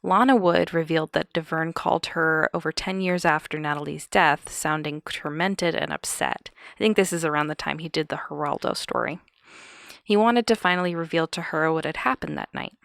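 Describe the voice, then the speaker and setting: A woman's voice: deep voice, moderate pace, creaky, a bit bright, no room sound, studio quality. A woman hosting a podcast, recounting a true-crime case with wry, chuckling asides. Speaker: podcast host.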